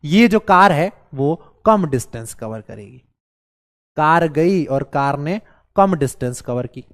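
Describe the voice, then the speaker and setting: सर्दी से बैठे गले और खांसी वाला एक पुरुष शिक्षक, बिहारी लहजे में ऑनलाइन क्लास लेता है, बच्चों को मज़ाकिया ढंग से मनाता और सवाल बार-बार दोहराता है।. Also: male voice, fairly high pitch, lively intonation, slow pace. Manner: playful, coaxing, repeats questions to the class. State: hoarse with a cold, coughing. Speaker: teacher. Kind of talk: live online class.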